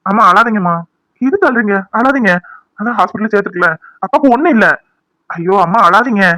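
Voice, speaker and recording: A man's voice: high voice, fast, bright, forceful tone, no room sound, poor audio. A man voicing a devoted grown son in a cartoon, pleading and reassuring his mother. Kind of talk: cartoon voice acting.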